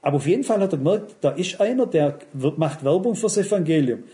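A man's voice: fairly high pitch, fast talker. A man preaching a sermon, telling personal stories and speaking straight to his listeners. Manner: animated storytelling, addressing listeners directly.

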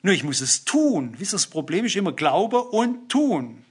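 Man preaching, high and husky, earnest, speaks straight to the congregation. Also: very animated, moderate pace. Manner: earnest, addresses listeners with "wisst ihr", cites Bible verses. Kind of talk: sermon.

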